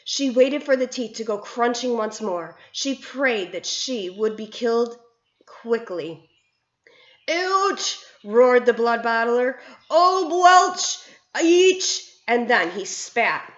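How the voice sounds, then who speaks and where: A woman teacher reads a children's novel aloud, telling it expressively. Her voice sits mid-range and sounds roomy and slightly dull, as in a lo-fi home recording. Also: medium pitch. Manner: expressive storytelling.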